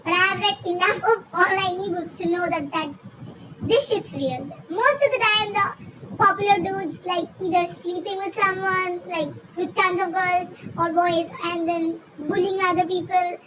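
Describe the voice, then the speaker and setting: A woman with a squeaky, chipmunk-like cartoon voice from a pitch-raising filter, casually commenting on and reading online posts in a rambling, informal way. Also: fairly even intonation, measured pace, background noise. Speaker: host.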